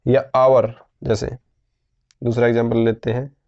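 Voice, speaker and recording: Slow, patient man teaching grammar. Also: mid-range voice, little pitch movement, highs cut off. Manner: slow, patient explaining with frequent questions to students. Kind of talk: grammar lesson.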